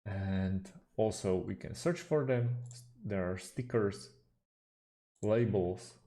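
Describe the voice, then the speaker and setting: A Slovak man with a fairly low, gravelly voice explains software in a screen-recorded tutorial he hosts. He talks slowly and hesitantly, using fillers and slightly non-native phrasing.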